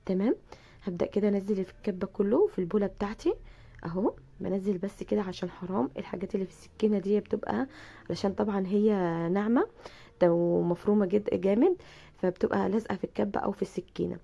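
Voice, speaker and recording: A fast-talking Egyptian woman hosts a home cooking lesson, her voice hoarse and gravelly from a cold. She chats on, repeating herself and calling her viewers sweet names. Her tone is dark and mellow. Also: medium pitch. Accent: Egyptian Arabic. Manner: chatty, repeats herself, addresses viewers affectionately. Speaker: cooking channel host. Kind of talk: cooking tutorial.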